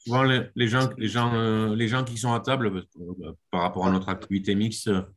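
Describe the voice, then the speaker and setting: A man with a low-pitched voice speaks as a panel guest. His style is casual and conversational. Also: steady tone, moderate pace. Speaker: wine merchant on a panel.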